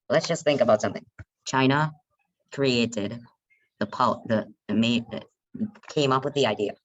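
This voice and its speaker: A man leading an online group lesson over a video call, hesitant and halting, often restarting his sentences. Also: on the low side, no echo. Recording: muffled video call audio.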